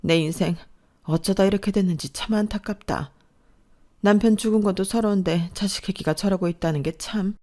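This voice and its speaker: A woman's voice: mid-range voice, brisk, a little mellow, lightly acted. A woman voicing a bitter, weary middle-aged mother-in-law who talks in a sorrowful, complaining way. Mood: lamenting.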